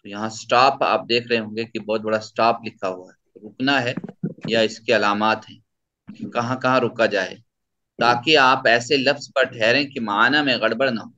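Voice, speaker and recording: A man's voice: mid-range voice, steady tone, pushed and bright, dull audio. A man teaching a Quran recitation lesson, patiently explaining and repeating each point.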